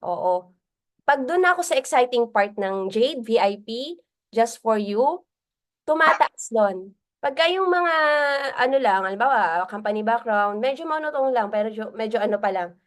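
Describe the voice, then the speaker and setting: A woman with a Filipino accent giving a casual sales training talk, mixing Tagalog and English and laughing at her own jokes. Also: fairly high pitch. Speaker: business mentor.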